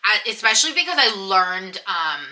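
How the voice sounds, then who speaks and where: A woman's voice: medium pitch, sing-song, normal speed, pushed and bright, poor audio. A woman vlogger in a casual, candid chat, telling stories in an emphatic, conversational way. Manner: candid, emphatic storytelling with frequent "like". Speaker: vlog host. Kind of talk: casual sibling chat in a mukbang video.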